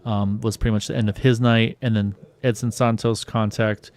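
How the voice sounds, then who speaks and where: A man's voice: on the low side, normal speed. A man giving play-by-play commentary on an online sim race, his voice climbing as the action heats up. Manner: excited, rising with the action.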